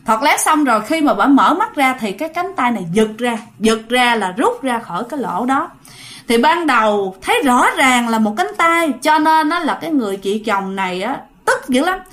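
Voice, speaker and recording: A woman with a high, slightly bright voice narrates a ghost story casually, chatting straight to her listeners.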